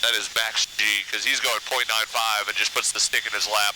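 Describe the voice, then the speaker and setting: A man's voice: on the low side, level tone, a little fast. Man pilot talking through oxygen mask radio. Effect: oxygen mask radio intercom. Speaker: military jet pilot. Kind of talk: casual in-flight chat. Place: in a jet cockpit in flight. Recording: loud aircraft hiss over cockpit intercom.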